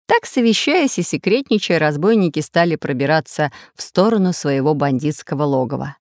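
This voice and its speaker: Casting: warm-lively storybook narrator, woman, close dry studio sound. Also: deep voice, normal speed, dry recording. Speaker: audiobook narrator. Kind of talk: fairy tale narration.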